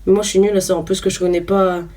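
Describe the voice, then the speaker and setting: A woman's voice: medium pitch, little pitch movement, racing, warm tone. A young woman chatting casually as she opens trading cards, hesitant with lots of fillers, reading each card name aloud. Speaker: YouTuber opening trading cards. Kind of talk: casual unboxing chat. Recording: voice a bit far from the mic, faint noise.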